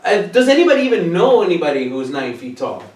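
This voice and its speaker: A man's voice: high-pitched, big pitch swings, quick pace, darkish tone. A man hosting a comedy show who teases his guest and often trips over his words. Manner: teasing, stumbling over words. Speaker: host. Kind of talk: comedy sketch banter. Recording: echoey room, mic at a distance.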